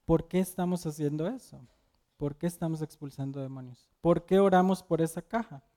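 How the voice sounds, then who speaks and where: A young man gives a casual, conversational sermon in a slightly high, mellow voice. He keeps turning to the listeners with questions and slips into personal stories between the verses. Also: normal speed. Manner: asks the audience questions and tells personal stories. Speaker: preacher.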